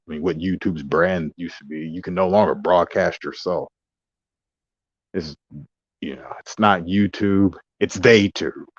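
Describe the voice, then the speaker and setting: A man's voice: low-pitched, dry recording. A man talking in a rambling casual monologue, drifting between asides and mocking quoted voices. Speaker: vlogger. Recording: dry, dull lo-fi sound.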